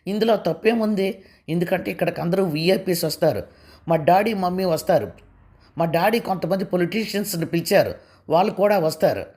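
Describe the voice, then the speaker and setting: A woman voicing a sharp-tongued, proud young wife who talks in a raised, cutting way. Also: lowish voice, a little fast, lightly acted. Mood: scornful.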